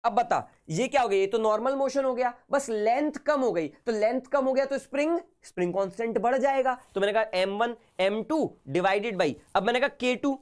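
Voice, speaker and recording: A man with a sore, hoarse throat teaching physics in a casual, chatty live online class. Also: very high voice, moderate pace, hardly any pauses. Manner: casual, chatty, talks to students informally.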